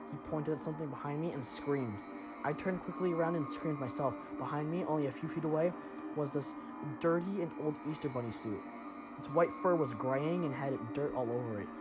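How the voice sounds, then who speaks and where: A man's voice: fairly high pitch, normal speed, music in the background. A man narrating a first-person horror story in a tense, dramatic way.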